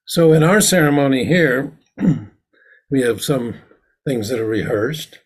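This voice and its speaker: A man's voice: medium pitch, slow pace, breathy edge. A man, a Zen teacher, giving a dharma talk in a meditation hall, explaining ritual plainly and then acting out its lines.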